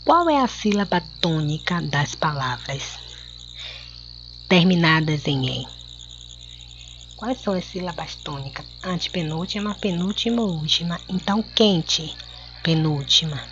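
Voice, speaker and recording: Patient Brazilian woman teacher, low voice. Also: animated, noisy background. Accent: Brazilian Portuguese. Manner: slow, clear, spelling words out for children. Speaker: schoolteacher. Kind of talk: recorded classroom lesson. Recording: dull lo-fi home recording.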